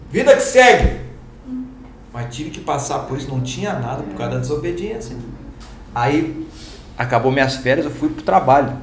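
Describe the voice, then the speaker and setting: Animated storytelling man in a roomy hall. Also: medium pitch. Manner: lively storyteller acting out dialogue, slangy. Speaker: pastor and teacher. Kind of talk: testimony told to a class. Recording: roomy hall with background noise.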